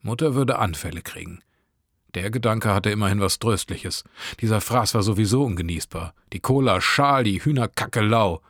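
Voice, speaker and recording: A man's voice: on the low side, normal speed, a bit bright, no echo, studio quality. A man reading a short story aloud, narrating in a sardonic, crude first-person voice.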